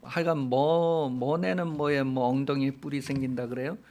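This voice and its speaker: A male pastor preaching a sermon and retelling a Bible story in a colloquial, animated way. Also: medium pitch, normal speed.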